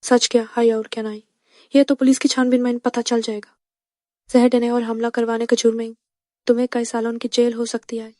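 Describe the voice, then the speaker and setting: A woman dubbing a wronged young woman who calmly and coldly accuses her rival. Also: on the high side, no echo, clean studio sound, natural voice. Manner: cool, measured, accusing. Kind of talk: dubbed drama acting.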